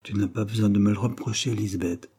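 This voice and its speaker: A man's voice: on the low side, steady tone, fairly quick, warm tone, husky. A man voicing a meek, timid little working man who speaks plaintively and hesitantly.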